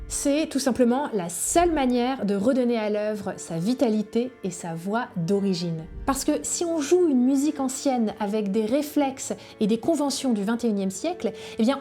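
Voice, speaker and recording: A woman cello teacher calmly explaining a book about music, sometimes singing rhythms on a syllable. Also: fairly high pitch. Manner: calm explanatory, sings rhythms on "ta".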